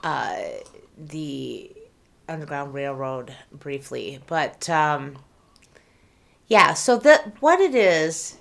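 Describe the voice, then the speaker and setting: Earnest woman with a deep voice. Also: lively intonation, takes it slowly, creaky. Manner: earnest, emphatic. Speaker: podcast co-host. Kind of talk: casual podcast discussion.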